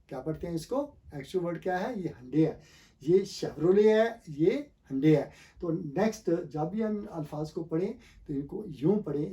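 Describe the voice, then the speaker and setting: With a high-pitched yet dark-toned voice, this male language teacher works through a pronunciation lesson. He poses questions to the viewer and repeats the answers, speaking slowly and deliberately and often stopping to think.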